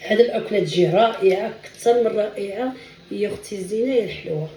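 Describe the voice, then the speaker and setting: A woman's voice: mid-range voice, rapid-fire, warm tone, slight background noise. A woman demonstrating a recipe in her home kitchen, chatty and affectionate, calling her viewers sisters as she cooks. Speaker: cooking vlogger. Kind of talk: cooking demonstration vlog. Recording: echoey room, mic at a distance.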